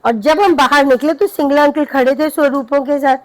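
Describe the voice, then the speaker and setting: A middle-aged woman sharing a devotional satsang story with lively, heartfelt storytelling. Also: sits high, fairly quick, low-quality recording. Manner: lively storyteller, acting out her own pleading.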